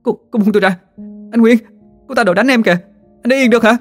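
A man voicing a spiteful young woman in a ghost story, in a raised, sharp, accusing voice. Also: very high-pitched, rapid-fire, soft background music, pitched above the performer's own voice. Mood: indignant. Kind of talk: audiobook character reading.

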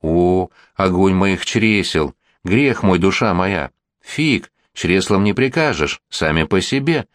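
A man's voice: deep voice, animated, takes it slowly, no echo, studio quality. A man reading the lines of a weary police captain in an audiobook, curt and sardonic. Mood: mock-pathetic.

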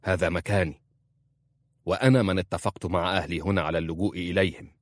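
Man as a stern desert chieftain, commanding, forceful, deep low voice, storybook, dry. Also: moderate pace, breathy edge, no echo.

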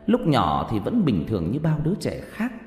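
A man narrating a horror story with dramatic, expressive delivery. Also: medium pitch, moderate pace. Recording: echoey reverb with background music.

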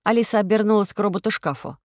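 A woman narrating a children's audiobook in an even storytelling manner. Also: mid-range voice, fast, dry recording, clean studio sound. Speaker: audiobook reader.

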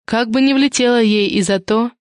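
A woman's voice: fairly high pitch, moderate pace, smooth, no echo. Woman narrating an audiobook, dry sound. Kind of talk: scripted narration.

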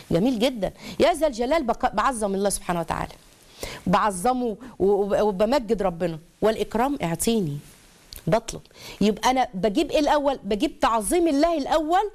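A middle-aged Egyptian woman gives a religious talk to mothers at a rapid clip. Her voice sits a little high, and she keeps throwing rhetorical questions at her listeners. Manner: lively, fires off rhetorical questions. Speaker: religious lecturer.

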